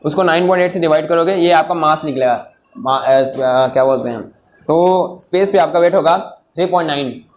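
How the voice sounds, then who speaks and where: A man's voice: fairly high pitch, a little hiss or hum. Coaxing male tutor dictating to a class. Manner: coaxing, repeats prompts, dictates slowly word by word. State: sore throat from long talking. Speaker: physics tutor. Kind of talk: classroom teaching mixed with dictation. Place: coaching classroom with students.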